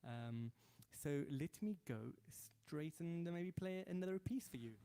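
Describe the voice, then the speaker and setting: A man with a somewhat high, dark-toned voice and lively intonation hosts a home guitar livestream. Speaking a little slowly, he chats with viewers, thanks them, and reads out their comments, hesitating constantly with fillers and restarts.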